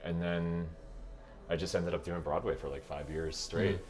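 A man in his thirties, an opera singer, telling his career story in a relaxed, rambling way with lots of "like" and easy laughs. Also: deep voice, normal speed, faint music behind. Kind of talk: casual interview chat.

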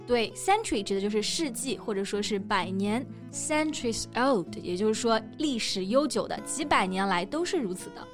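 Woman co-host for an English lesson podcast, fairly high voice, faint music under her. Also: animated, normal speed, few pauses. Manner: explains word meanings step by step. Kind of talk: bilingual language lesson.

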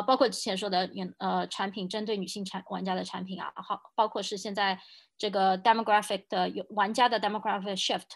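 Brief: fast-talking woman in her 30s, an executive guest on a podcast, earnest and emphatic. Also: medium pitch. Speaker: game industry executive guest. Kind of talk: podcast conversation.

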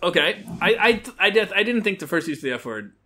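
A man's voice: high voice, sing-song, fast, pushed and bright. A man in his forties calling in to a podcast, talking casually and hesitantly, with many ums and restarts. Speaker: podcast caller. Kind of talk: casual chat.

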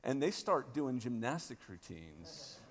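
Man, 30s, pastor, rough gravelly tone, hesitant talker, cathedral echo. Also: medium pitch, big pitch swings. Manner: halting, with many fillers and restarts. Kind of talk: conference talk and prayer. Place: large parish church. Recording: cathedral echo, long church reverb.

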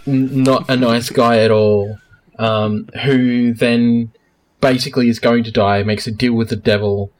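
A man's voice: mid-range voice, steady tone, unhurried, a little mellow. A man co-hosting a casual podcast, enthusiastic and talkative, explaining at length and laughing often. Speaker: podcast co-host. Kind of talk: casual chat.

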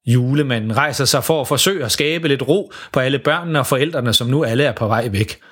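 A man narrating a children's Christmas story as an animated storyteller. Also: medium pitch, husky.

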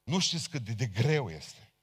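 A man's voice: medium pitch, very animated, fairly bright tone, slightly rough. A man preaching a sermon as a Pentecostal pastor, speaking fervently and addressing his congregation directly. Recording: long hall reverb.

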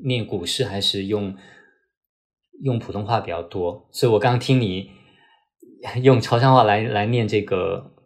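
Low-pitched Chaoshan man, podcast guest. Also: unhurried, long pauses. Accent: Chaoshan (Teochew). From Chaoshan, southern China. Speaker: guest, novelist. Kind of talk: casual conversational interview.

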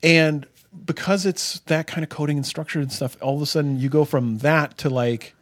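A man co-hosting a podcast in casual chat, relaxed and enthusiastic. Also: on the high side, moderate pace, no echo. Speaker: podcast co-host.

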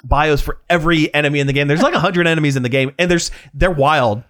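A man with a somewhat high voice co-hosts a podcast in a relaxed chat. He rambles and restarts his sentences as he goes. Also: fast talker. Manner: rambling, restarts, reads aloud. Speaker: podcast co-host. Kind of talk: casual chat.

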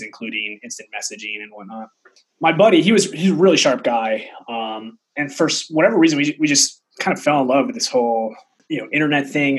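A man's voice: medium pitch, a bit bright, breathy edge, poor audio. A man in his thirties, an interview guest telling casual stories with asides and frequent checks on the listener. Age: 30s. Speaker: interview guest, tech entrepreneur.

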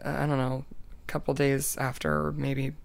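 A young woman chatting casually, soft-spoken and hesitant, with trailing fillers. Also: extremely low pitch, little pitch movement, unhurried, creaky. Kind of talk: casual chat.

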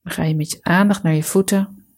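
A woman leading a guided relaxation meditation, giving calm, soothing, measured instructions. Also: lowish voice, husky.

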